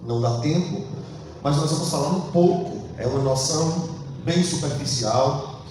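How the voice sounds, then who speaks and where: A man's voice: on the high side, normal speed, recorded from a distance, noisy background. A man with a Brazilian Portuguese accent, preaching a Bible study sermon and asking his congregation questions. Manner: asks the congregation questions and prompts them to answer aloud. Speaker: pastor. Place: church hall. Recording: very echoey hall, voice from afar.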